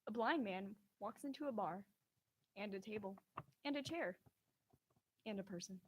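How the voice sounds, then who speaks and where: A woman's voice: mid-range voice, normal speed, a little hiss or hum, low-quality recording. A woman trading dad jokes as a contestant, giving short setups and punchlines. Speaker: joke contestant.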